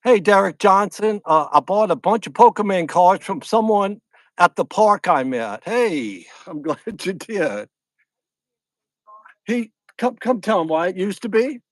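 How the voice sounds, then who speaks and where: This fishing channel host, a middle-aged Louisiana man, streams casually from a lakeside camp outdoors, wandering off topic, repeating himself, and welcoming viewers one at a time. His high voice is expressive and a little slow. There's no echo in the recording.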